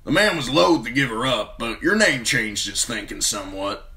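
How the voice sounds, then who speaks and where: A man's voice: medium pitch, expressive, moderate pace, bright, forceful tone, pitched above the performer's own voice. A man voicing a tough, insolent male sellsword with a blunt manner. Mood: mocking.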